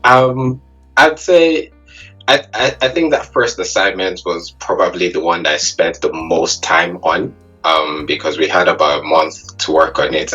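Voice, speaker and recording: A man's voice: low voice, pushed and bright, rough recording. A man co-hosting a podcast, answering thoughtfully in casual chat. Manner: thoughtful, hesitant starts. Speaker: podcast co-host.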